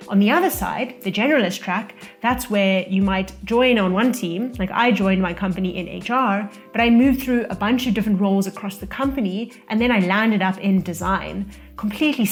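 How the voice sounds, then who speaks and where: A young South African woman vlogs to camera, offering career advice drawn from her own experience. Her medium-pitched voice is relaxed and conversational, and she records in an indoor room as the daylight fades.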